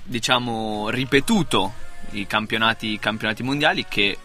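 A man with a bright, forceful voice hosts a comic show. He banters casually in a mock-serious sports style and repeats phrases for effect, with light music underneath. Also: on the low side, normal speed. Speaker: comedy radio show host. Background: music under the talk.

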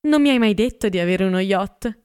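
A woman's voice: medium pitch, animated, brisk, a little mellow, clear, resonant tone, close to an everyday voice. A woman voicing a charming young woman who is delighted and playful, exclaiming eagerly in an audiobook reading. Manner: exclaiming, gushing.

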